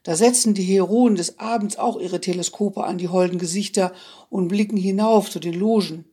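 A narrator reads old literary prose aloud in the first person. The voice is husky and mid-pitched. The delivery is expressive and wistful. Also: normal speed. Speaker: audiobook narrator. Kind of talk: literary audiobook reading.

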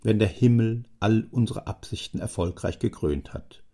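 A man voicing a talkative, scheming old uncle who speaks in smooth, self-important phrases. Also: lowish voice, normal speed, warm tone.

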